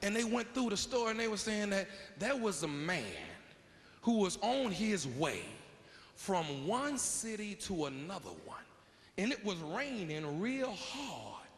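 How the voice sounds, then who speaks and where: A man's voice: high voice, lively intonation, a little slow. A man telling a comic tale in a folksy manner, talking straight to his audience. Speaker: storyteller. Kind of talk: comedic storytelling. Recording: echoey hall with faint ambience.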